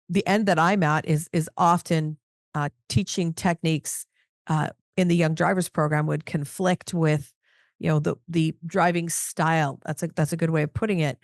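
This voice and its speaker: A woman's voice: sits low, creaky, dry recording, clean studio sound. A middle-aged woman interviewing on a podcast, talking thoughtfully with frequent restarts and "you know"s. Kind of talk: casual podcast chat.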